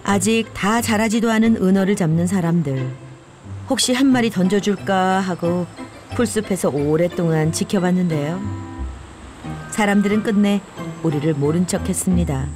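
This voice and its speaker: A woman's voice: fairly low pitch, moderate pace, a little mellow. A woman reads scripted nature documentary narration in a storytelling manner, speaking as if she were one of the animals. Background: background music.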